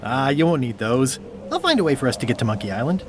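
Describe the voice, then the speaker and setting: Wry eager wannabe pirate hero in a game, super animated, bit of background noise. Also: male voice, medium pitch, fast talker. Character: eager, wry, good-natured male would-be pirate adventurer. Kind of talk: video game voice acting.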